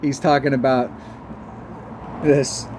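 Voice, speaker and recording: Mellow-voiced joking man hosting a game video. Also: mid-range voice, level tone, takes it slowly, slight background noise. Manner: joking, crude, rambling. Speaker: host. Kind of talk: casual gaming commentary.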